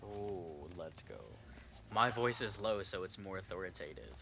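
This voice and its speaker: Playing a game on a headset mic, a young male streamer makes offhand comments and playfully imitates the game's lines. He speaks in a low, animated voice at a slightly slow pace, over game music and some background noise.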